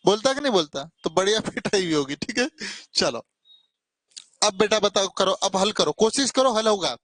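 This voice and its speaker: A man's voice: high voice, animated, normal speed, fairly bright tone, no room sound. A man teaching maths to children in a classroom, coaxing and mildly scolding them as he works through problems. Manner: coaxing, mildly scolding, calls students "beta". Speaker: maths tutor.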